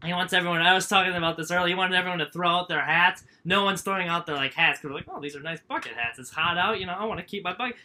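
A high, very bright male voice that rattles through a story. He co-hosts a casual sports podcast and acts out other people's lines, jumping into loud, shouted quotes. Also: rapid-fire, few pauses. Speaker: podcast co-host.

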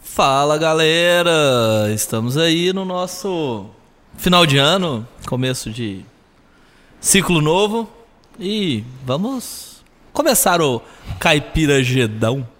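A man's voice: on the high side, animated, slow pace, fairly bright tone. A Brazilian man co-hosting a casual podcast in a dry, teasing way. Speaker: podcast co-host. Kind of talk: casual chat. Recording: long hall-like reverb.

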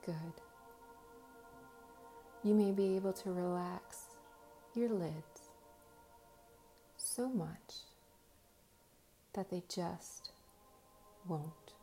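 A woman speaking as a slow, soothing hypnotist, guiding relaxation in short soft phrases with long pauses. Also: lowish voice. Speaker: host of guided meditation and hypnosis sessions. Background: faint music.

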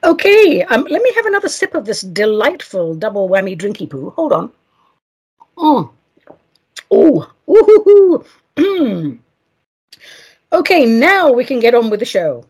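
A woman hosts a solo podcast and reads listener mail with campy, theatrical asides. Her voice is husky and pitched a little high. Her intonation swings widely as she talks. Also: sing-song, normal speed. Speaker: podcast host.

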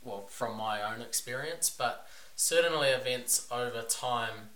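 Captured on a distant mic with roomy echo and faint hiss, a man speaks a little slowly in a medium-pitched, fairly bright voice. He's a New Zealander with a New Zealand accent, a business owner on a podcast, talking frankly and laid-back in a casual interview.

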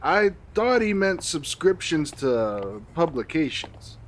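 Lively 1930s beat cop, New flatfoot. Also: male voice, on the high side, slow pace, slight background noise. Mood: puzzled. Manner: old-time beat cop slang. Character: flirty, dim 1950s New York working-stiff flatfoot assistant. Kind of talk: period radio comedy acting.

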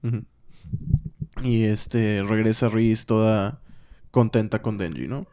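A man's voice: fairly low pitch, takes it slowly. A man, co-hosting a casual podcast and animatedly retelling a comic plot. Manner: animated retelling, acting out lines. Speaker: podcast co-host. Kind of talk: casual comic recap chat.

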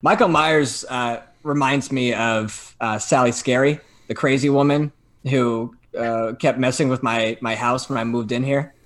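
A young man telling a story in casual chat, animated and full of fillers and restarts. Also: mid-range voice, unhurried. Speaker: podcast guest telling a story.

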